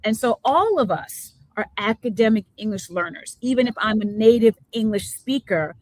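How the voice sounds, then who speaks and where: A woman's voice: a little high, animated, normal speed, no room sound, low-quality recording. Emphatic host woman with a New Jersey accent. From the Bronx, New York. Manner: emphatic, affirming, repeats key points. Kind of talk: live talk show conversation.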